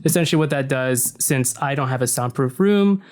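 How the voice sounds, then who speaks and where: In a casual screen-recording walkthrough of audio editing, a man with a deep voice explains things at a moderate pace, relaxed and chatty, often saying "so" and "uh". He sits at his desk in an untreated home room, his desk mic pointed toward the computer screen.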